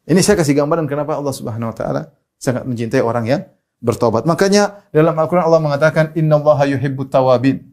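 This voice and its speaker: Indonesian man preaching with swelling emotion. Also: fast. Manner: animated, rising high and loud when telling a story, sinking quiet when pleading; recites Arabic hadith then translates. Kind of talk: sermon.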